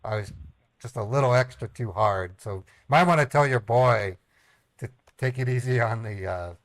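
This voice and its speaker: A man chatting casually as a caller, in a halting, naive-sounding way, often repeating himself. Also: mid-range voice, dry recording. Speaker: prank caller baiting a phone scammer. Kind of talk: casual phone chat.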